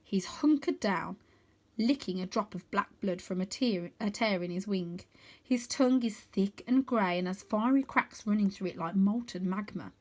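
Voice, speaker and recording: She narrates the children's story in an expressive, read-aloud manner; her voice sits at medium pitch and moves at a normal pace.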